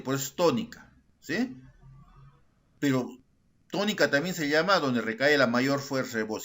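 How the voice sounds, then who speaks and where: Slow, patient male teacher, bright voice. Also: fairly high pitch. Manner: slow, patient explaining with frequent tag questions; addresses students directly and repeats key words. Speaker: secondary school language teacher. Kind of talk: recorded grammar lesson.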